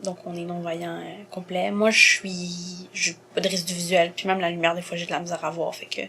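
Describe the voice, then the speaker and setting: Soft-spoken young Quebec French woman. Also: lowish voice, level tone, fairly quick, a little hiss or hum. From Montreal. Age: 20s. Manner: soft-spoken, many fillers, trails off quietly. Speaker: interview guest.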